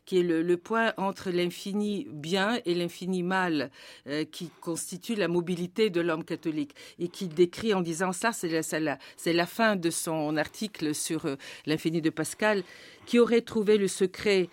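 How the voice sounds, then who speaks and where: A woman of middle pitch talks in a measured, thoughtful way, pausing on fillers now and then. The sound is dry and close, as in a radio studio. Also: no echo. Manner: measured, thoughtful, some hesitations. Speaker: guest. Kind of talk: studio conversation.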